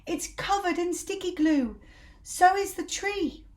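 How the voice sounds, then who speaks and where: A woman voicing excitable caged monkeys in a children's storybook, calling out with urgency. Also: extremely high pitch, slow pace, voice pushed up. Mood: frantic warning. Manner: urgent, exclamatory shouting. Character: frantic caged monkey family shouting warnings.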